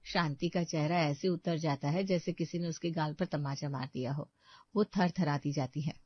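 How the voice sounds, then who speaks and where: A woman narrating a cartoon story in a dramatic, expressive way. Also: low-pitched, moderate pace, dry recording. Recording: dull lo-fi voice track.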